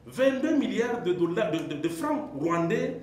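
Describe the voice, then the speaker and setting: A man's voice: sits high, sing-song, unhurried, a little mellow. A man from the audience raising observations at a press conference, telling an example in an earnest, emphatic way. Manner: earnest, storytelling, rising with emphasis. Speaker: audience member asking a question. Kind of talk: long question from the floor. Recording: very echoey hall with faint noise.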